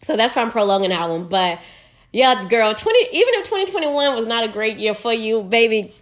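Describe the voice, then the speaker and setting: A woman's voice: a little high, very animated, a little fast. A young American woman hosting a casual solo podcast, talking frankly and energetically with plenty of profanity. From United States. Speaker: podcast host.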